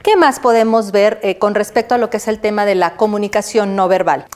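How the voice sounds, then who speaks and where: A university lecturer from Mexico who teaches a recorded class, asking the class questions and answering them herself, and checking in with "¿sí?". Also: female voice, medium pitch, a little fast, a little mellow. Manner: checks in with the listener by adding "¿sí?"; demonstrates walking and a pencil exercise while she talks.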